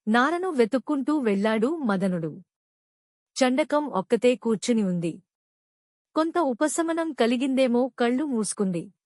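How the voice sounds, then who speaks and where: A woman narrating a children's folk tale in a calm, even storytelling manner. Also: a little high, measured pace, no room sound, clean studio sound.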